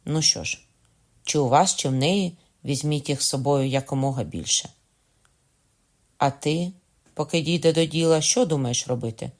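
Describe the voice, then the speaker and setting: A man's voice: a little high, normal speed, long pauses, lightly acted. A man voicing a shrewd, wry young king in an audiobook reading.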